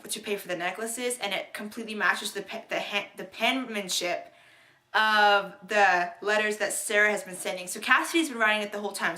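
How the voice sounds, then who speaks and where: A woman's voice: medium pitch, pushed and bright. A young woman chatting casually as she recaps a TV episode, bubbly and rambling, with many fillers and restarts. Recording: echoey room.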